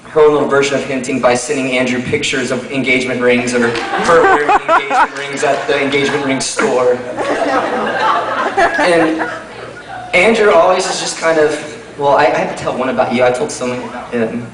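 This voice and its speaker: A man's voice: medium pitch, animated, brisk, a crowd in the background. Echoey man giving a wedding toast. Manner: conversational, teasing, informal. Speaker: wedding speaker, friend of the groom. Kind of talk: wedding toast, comic storytelling to guests. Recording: echoey room, far from mic, noisy.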